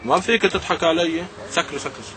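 Pushy Lebanese prankster man, fast talker. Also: fairly high pitch. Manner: pushy, teasing, insistent. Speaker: prank host posing as a taxi driver. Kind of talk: hidden-camera prank banter. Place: inside a car in the street. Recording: distant mic, loud traffic noise.

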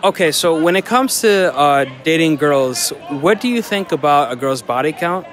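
A man's voice: a little high, expressive, normal speed, a bit bright. Young guy doing street interviews on campus, laid-back probing questions, handheld recorder. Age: young adult. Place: outdoors on a college campus. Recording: outdoor crowd and background noise.

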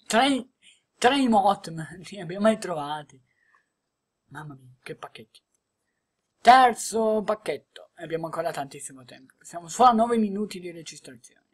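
A woman giving excited gameplay commentary as she opens card packs, exclaiming and laughing often. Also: mid-range voice, moderate pace, long pauses, husky. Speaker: gaming video creator.

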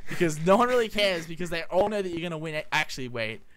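A man with an Australian accent doing rambling, excitable gameplay commentary with a co-player, shouting when the fights get close. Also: a little high, quick pace, a little hiss or hum.

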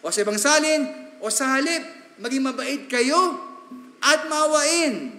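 This is an expressive sermon from a pastor whose voice sits high and bright, spoken in blended Tagalog and English with chatty asides and tag questions asking listeners to agree. The church sanctuary gives it a long, echoey reverb, and there is slight background noise.

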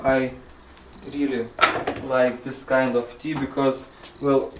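A man in his twenties with a Lithuanian accent, explaining things casually to camera in a hesitant, halting way. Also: medium pitch, little pitch movement, highs cut off. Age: 20s. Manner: hesitant, halting with repeated words. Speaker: student interviewee. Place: small indoor kitchen. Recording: echoey kitchen with audible background noise.

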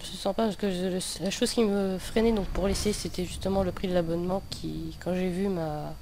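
A man's voice: high-pitched, steady tone, brisk, creaky, a little mellow, poor audio. A young man talks casually through a game as he plays, with a lisp that turns his s sounds slushy. He hesitates, rambles and often corrects himself. There is noticeable noise behind his voice. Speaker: gaming video host. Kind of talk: casual gameplay commentary.

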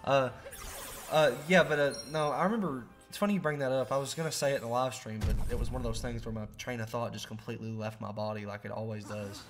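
A man's voice: medium pitch, steady tone, fast. A man hosting a casual let's play, chatting, swearing freely and rambling through stories. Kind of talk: casual gaming commentary. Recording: game music underneath.

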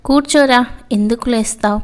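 A woman reader puts on mocking young male college seniors in a spoken story. They tease and scold in a voice that stays a little high. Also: normal speed, clean tone, natural voice. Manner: teasing, scolding.

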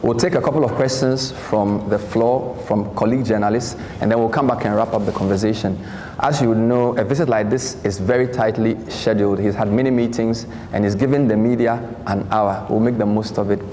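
A journalist hosts the interview in a formal, brisk, articulate way, his voice pitched in a middle range. The handheld mic picks up a roomy echo and a long hall reverb, with faint noise underneath. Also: fairly even intonation, dark tone. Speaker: journalist, event host and interviewer. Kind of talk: hosting an interview. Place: large hall, indoors.

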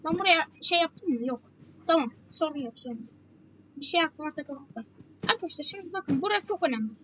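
A woman's voice: high voice, expressive, fairly quick, fairly bright tone, a little hiss or hum, rough recording. A woman giving a chatty game walkthrough, repeating her warnings again and again. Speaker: gameplay walkthrough host. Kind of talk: casual game tutorial commentary.

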